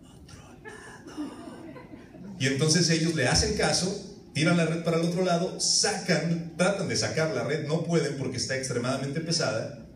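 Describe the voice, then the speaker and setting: A man, preaching a sermon as pastor, telling lively stories and acting out voices. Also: fairly high pitch, moderate pace, slight background noise. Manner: animated storytelling with acted-out voices. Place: church hall. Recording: echoey church room, mic at a distance.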